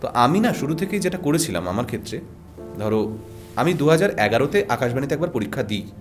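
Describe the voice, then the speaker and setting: A man's voice: medium pitch, very animated, fast, soft background music. Earnest Bengali radio voice artist man. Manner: earnest, emphatic advice with rhythmic repetition. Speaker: radio jockey and voice artist guest. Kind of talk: podcast conversation.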